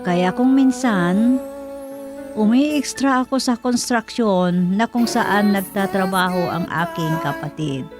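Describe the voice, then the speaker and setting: A woman radio host reading a letter aloud as dramatic scripted narration. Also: medium pitch. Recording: music under the voice. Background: music.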